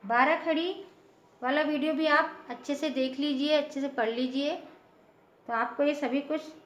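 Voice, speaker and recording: A woman's voice: high-pitched, steady tone, moderate pace. A woman teaching a patient, step-by-step lesson, often checking in with her listeners. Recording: echoey room, dull lo-fi sound.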